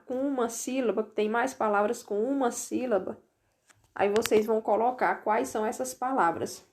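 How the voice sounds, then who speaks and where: A Brazilian woman teacher records a remote lesson, walking her pupils through the homework one step at a time. Her voice sits a little high for a woman. She repeats every instruction patiently so that no one gets lost. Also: a little mellow. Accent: Brazilian Portuguese. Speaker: primary school teacher.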